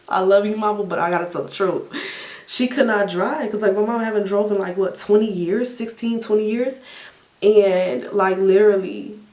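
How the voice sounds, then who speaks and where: A young woman vlogger telling a story in a casual question-and-answer chat, animated and laughing often, acting out her own reactions in a higher voice. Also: distant mic. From United States. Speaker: beauty vlogger. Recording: echoey room, a bit off mic.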